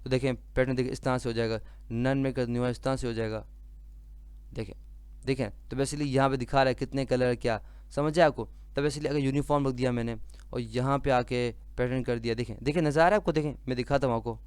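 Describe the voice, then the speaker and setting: A man teaching a screen-recorded software lesson in a conversational way, often pausing to check that his listeners understand. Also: medium pitch, steady tone, clear, resonant tone, dry recording. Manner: repeatedly checks understanding with a rhetorical question; conversational, with frequent fillers and restarts. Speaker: software tutorial instructor.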